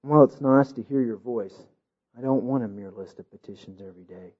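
A man voicing a gentle, loving king who speaks softly and tenderly in a storybook reading. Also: mid-range voice, fairly quick, slightly rough, pitched below the performer's own voice, lightly acted. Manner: gentle, soft-spoken. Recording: dull lo-fi recording.

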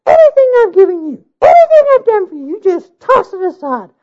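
High shrill bride voice, frantic and screechy, swooping all over, man putting it on, dull lo-fi sound. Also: big pitch swings, fairly quick, mellow. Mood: wailing. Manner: frantic, pleading. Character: shrill, frantic young woman, a demanding bride. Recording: dull lo-fi recording.

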